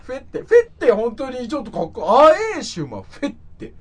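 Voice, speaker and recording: A man's voice: extremely high pitch, wildly swooping pitch, fast talker, darkish tone, husky. A man co-hosting a comedy podcast, firing back teasing retorts and laughing often. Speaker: podcast co-host. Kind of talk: casual comedic chat.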